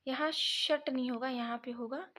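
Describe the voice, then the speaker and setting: A woman teaching an exam prep lesson, reading each option and then correcting it step by step, sometimes pausing to check her notes. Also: a little high, slight background noise. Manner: pauses to check notes mid-sentence.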